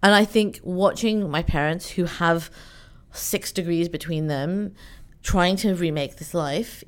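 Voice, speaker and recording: Woman, interview guest, fairly low voice, lively and chatty, lots of "like" and "you know". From Iran, raised in the UK. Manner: animated, chatty, many fillers. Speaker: event organizer, guest. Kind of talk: conversational interview.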